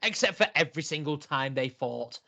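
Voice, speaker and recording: A man with a bright, forceful, fairly high voice talks through a casual wrestling review. He is chatty and quick to laugh, with the odd casual swear. His tone stays lively and informal. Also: creaky. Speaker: podcast co-host.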